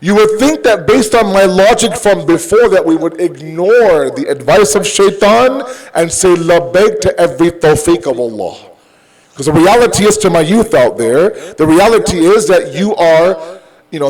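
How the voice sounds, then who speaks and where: High-pitched man preaching in a conversational way. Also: lively intonation, normal speed, a little mellow, poor audio. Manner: conversational, emphatic, rhetorical questions; mixes English with Urdu and Arabic phrases. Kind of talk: sermon with everyday examples and acted-out dialogue.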